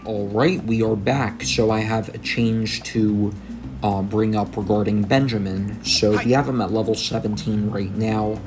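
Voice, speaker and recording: Tired and coming down with a cold, a young gaming YouTuber comments on patch notes over game music. His voice is on the low side, steady and unhurried, and he says um frequently.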